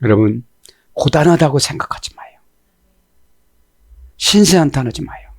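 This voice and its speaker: Pastor preaching, calling out to listeners. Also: male voice, a little high, lively intonation, darkish tone, breathy edge, dry recording, studio quality. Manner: often calls out to listeners with tag questions; slows down to spell out word grammar. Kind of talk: sermon explaining Hebrew scripture words.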